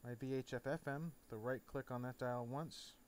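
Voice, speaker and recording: With the game audio switched off, a man talks through a flight simulator tutorial in a relaxed, instructional style. He speaks at medium pitch and moderate speed over clear, constant background noise.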